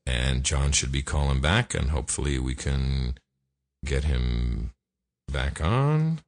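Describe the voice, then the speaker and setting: A man's voice: very deep voice, expressive, takes it slowly, big-room sound. A man co-hosting a casual talk show, speaking wryly and offhandedly while his online call degrades into a fading, shortwave-radio-like sound. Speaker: podcast co-host.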